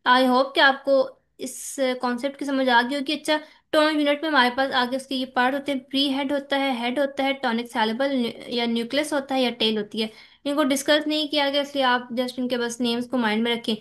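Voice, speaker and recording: A Pakistani woman gives a lecture in a high, light voice. She talks her students through a text, drops in English terms, and slows right down to read English lines. She keeps checking in with short asides. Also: steady tone, a bit bright. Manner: mixes Hindi-Urdu with English terms, reads English lines slowly, says "ठीक है" often. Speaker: teacher.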